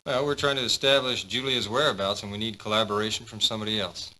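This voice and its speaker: A man's voice: lowish voice, fairly even intonation, fast talker, sharp tone, rough recording. An actor voicing a methodical, businesslike male police detective in dubbed game dialogue, asking plain questions. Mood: questioning.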